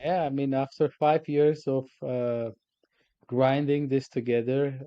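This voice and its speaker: A man from Armenia, a company CEO speaking as a guest in a relaxed, reflective interview, with frequent fillers. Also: mid-range voice, slow, no echo, lo-fi sound. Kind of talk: casual interview conversation.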